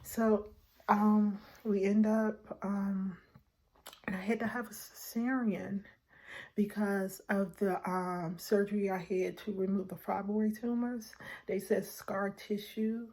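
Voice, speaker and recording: A middle-aged woman tells a personal story to her viewers, animated and acting out the voices of people in it. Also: mid-range voice, slow. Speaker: vlogger.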